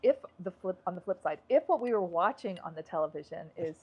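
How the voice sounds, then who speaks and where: A middle-aged woman co-hosting a podcast, telling teasing stories in animated casual chat. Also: fairly low pitch, fast, breathy edge, highs cut off. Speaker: podcast co-host.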